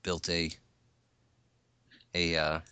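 A man acting as game master, narrating a tabletop game casually and haltingly, often repeating his phrases. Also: sits low, completely flat delivery, bright, forceful tone, a little hiss or hum.

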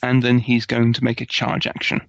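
A man playing a tabletop game, chatting casually and describing his character's actions deliberately, on dull lo-fi audio. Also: mid-range voice, completely flat delivery, creaky, no room sound. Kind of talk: casual chat and game narration.

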